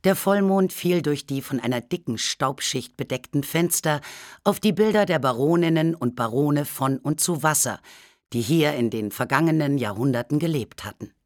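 A narrator reading a children's storybook aloud with calm, unhurried storytelling. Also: mid-range voice, no echo, clean studio sound. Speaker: audiobook narrator.

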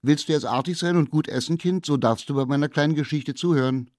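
A man voicing a stern mother who calls loudly through the door to her naughty child in a fairy tale. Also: dry recording, studio quality, close to an everyday voice. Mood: stern calling. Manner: shrill, loud, hurried calling.

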